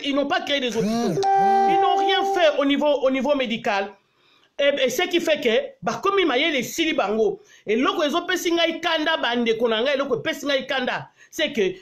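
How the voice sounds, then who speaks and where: A Congolese woman vlogger ranting angrily on a live stream, mixing French with her native tongue and pleading repeatedly for viewers to share. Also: sits high. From Congo (DRC). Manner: angry, repetitive pleading to share. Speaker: diaspora vlogger.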